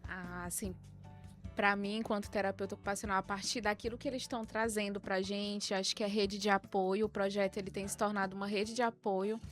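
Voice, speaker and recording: A woman occupational therapist and researcher answering interview questions in a measured, explanatory way. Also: medium pitch, level tone, soft background music.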